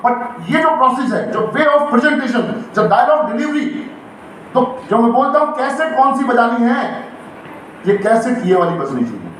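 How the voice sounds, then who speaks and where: His voice is extremely high-pitched and sing-song, at normal speed. This middle-aged man rouses a live audience in an indoor event hall during a direct selling seminar, emphatically calling out questions for the crowd to answer back. A distant mic picks him up amid heavy echo and faint noise.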